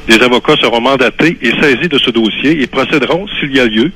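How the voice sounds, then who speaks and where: A man's voice: medium pitch, fast, background noise. Man in his fifties on a phone line. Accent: Québécois French. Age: 50s. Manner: formal, reads a prepared statement, hesitant restarts. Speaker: caller. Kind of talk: phone call into a radio show.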